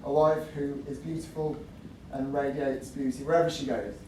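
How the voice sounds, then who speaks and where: A man in his twenties giving a wedding toast to guests as best man, jokey and a little halting. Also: mid-range voice, little pitch movement, warm tone. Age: 20s. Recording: roomy, distant mic, noisy venue.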